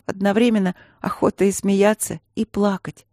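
A woman reading the part of an emotional young bride, nervous and excited, with words tumbling out in a breathless rush. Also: mid-range voice, moderate pace, dry recording, studio quality, close to an everyday voice. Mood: anxious excited.

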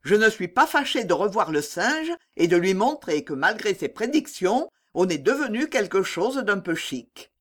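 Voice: mid-range voice, big pitch swings, normal speed, few pauses, fairly bright tone. A reader voicing a vain, boastful male singer and former factory worker in a classic audiobook novel, talking with a swagger.

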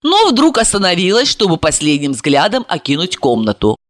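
An audiobook narrator reading a scripted story with expressive, lively intonation that rises and falls a lot. The voice is close to the microphone, with a dry, dead sound and no room echo. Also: mid-range voice, moderate pace.

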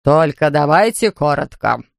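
A reader voicing a stern, pompous older male judge who speaks slowly and gruffly. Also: mid-range voice, expressive, no echo, studio quality, voice pushed down. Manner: slow, gruff, barking.

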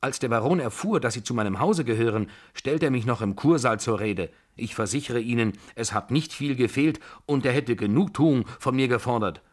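A man's voice: medium pitch, brisk, hardly any pauses, close to an everyday voice. A man voicing a stern, pompous older general who speaks sharply and formally in a radio drama reading. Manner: indignant, sharp, stiffly formal.

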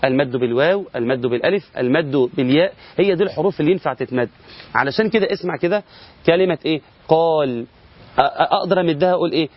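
A man's voice: a little high, very fast, breathy edge, lo-fi sound. A middle-aged man with an Egyptian Arabic accent teaching Quran recitation rules in a recorded lesson, explaining step by step, asking and answering his own questions and drawing out sample words.

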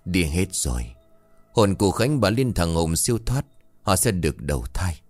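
A man voicing a calm, authoritative older village shaman in a ghost story. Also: low-pitched, normal speed, no room sound, faint music behind. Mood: solemn.

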